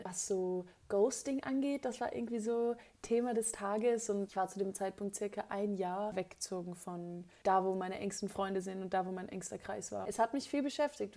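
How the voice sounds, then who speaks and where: A woman musician gives a casual spoken introduction to her song. Her voice sits at an ordinary middle pitch. She talks in a reflective, personal way about what the song means to her. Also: mellow. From Austria.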